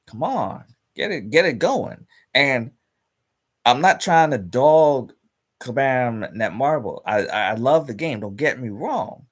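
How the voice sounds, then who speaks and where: Slow-talking man ranting on a gaming stream. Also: medium pitch, expressive. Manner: rambling, repeats words and restarts, emphatic. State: hiccups. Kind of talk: casual live-stream rant.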